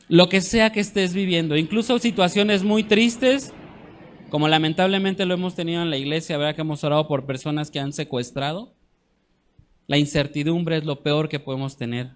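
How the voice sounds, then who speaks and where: A man teaching a church discipleship class, earnest, often checking in with his listeners and slowing down to stress scripture. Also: a little high.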